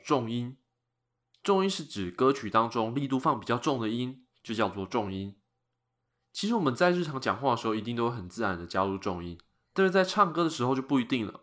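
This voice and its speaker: A man, methodically explaining a cappella singing technique in a calm lesson. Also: medium pitch. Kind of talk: explanatory lesson with sung examples.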